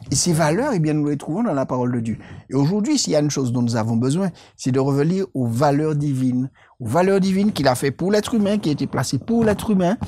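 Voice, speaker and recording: A woman co-hosting a Bible study discussion, speaking in a measured, explanatory way and quoting scripture. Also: low-pitched, darkish tone, a little hiss or hum. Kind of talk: religious lesson discussion.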